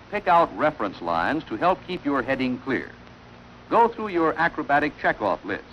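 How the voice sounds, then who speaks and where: This is formal, measured narration from an old film soundtrack, delivered by a man in the style of a wartime training film. His pitch is medium, and the recording is muffled with slight background noise.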